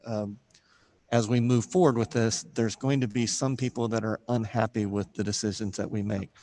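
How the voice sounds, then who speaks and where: Male school official, lowish voice, giving measured, diplomatic answers at a public board meeting. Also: fairly even intonation, mellow.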